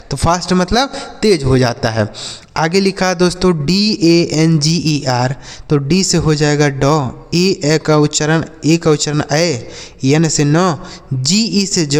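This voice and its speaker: A man teaching English vocabulary at a very deliberate pace, spelling words out and repeating example sentences. His voice sits a little high for a man. The room around him adds a long, ringing reverb. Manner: addresses viewers as friends, frequent okay checks. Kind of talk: slow spelling-and-meaning lesson.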